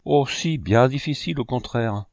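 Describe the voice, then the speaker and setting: A man voicing a sickly young boy who pleads in a halting way, in a storybook reading. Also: medium pitch, vocal fry, darkish tone, no echo, clean studio sound, lightly acted. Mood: pleading. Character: sickly young boy, timid then eager.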